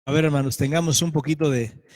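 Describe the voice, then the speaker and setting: A male pastor preaching a sermon, animated, acting out voices and questioning the congregation. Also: on the high side, fast talker. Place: church sanctuary. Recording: church hall reverb.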